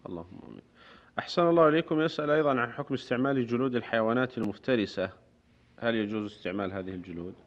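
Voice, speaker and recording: A man's voice: mid-range voice, rapid-fire. A man presenting a radio programme in formal Standard Arabic, deferential and reading out listeners' questions. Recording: dull, band-limited radio broadcast.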